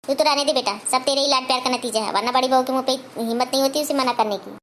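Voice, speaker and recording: A woman's voice: sits high, steady tone, fast, a bit bright, a little hiss or hum. A woman voicing a stern mother-in-law in a cartoon, speaking firmly and commandingly. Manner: firm, commanding. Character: stern, bossy mother-in-law, head of the house. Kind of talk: cartoon voice acting.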